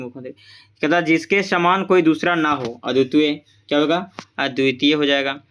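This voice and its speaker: A man's voice: on the high side, fairly bright tone. A man going through exam questions as a tutor, asking each answer back as a question, repeating it and mixing English terms into his explanations.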